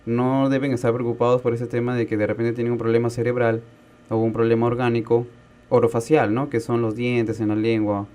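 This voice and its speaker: Man calmly explaining speech disorders. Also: mid-range voice, a little fast. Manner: patient, explains with spoken examples. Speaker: speech therapy specialist guest. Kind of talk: explanatory radio talk.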